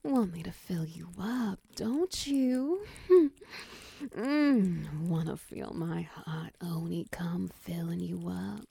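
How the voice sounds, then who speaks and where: Teasing, dominant oni lover played by a woman: dark, breathy, unhurried whisper right on the mic. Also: exaggerated voice. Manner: slow, low, half-whispered, teasing with soft chuckles. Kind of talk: intimate ASMR roleplay.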